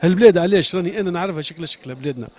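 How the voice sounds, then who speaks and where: The high, slightly mellow voice races as this Sfax shoemaker, speaking with a Tunisian Arabic accent, airs an impassioned, agitated complaint to a street interviewer. He repeats his questions and pleads.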